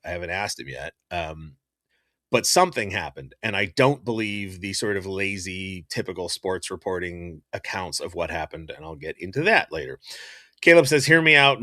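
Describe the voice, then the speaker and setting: Guy ranting about his hockey team on a stream, lowish voice, bright and punchy, dry close mic. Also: dry recording. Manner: opinionated, animated, thinks aloud with fillers and restarts. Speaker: hockey podcast host. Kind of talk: casual live-stream commentary answering chat.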